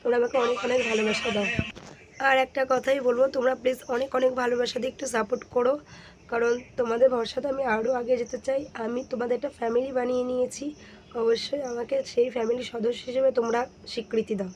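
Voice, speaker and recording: A young woman, hoarse from a sore throat, chatting to viewers in a casual home vlog. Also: fairly high pitch, little pitch movement, fast, a little hiss or hum. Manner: chatty, addresses viewers warmly as friends. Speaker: vlogger. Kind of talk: casual daily-life vlog narration. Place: home kitchen and courtyard.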